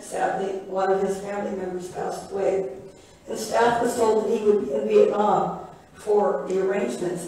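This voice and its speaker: A hoarse woman whose voice is nearly gone gives a public comment to a city council, blunt and sarcastic. She stands well back from the microphone, and the big council chamber rings with echo around her. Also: mid-range voice, mellow. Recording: echoey council chamber, far from the mic.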